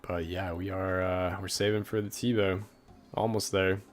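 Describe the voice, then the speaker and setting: Speaking at a normal speed in a low-pitched voice, a young man hosts a game livestream, relaxed and rambling as he reads out messages from chat. Game music can be faintly heard.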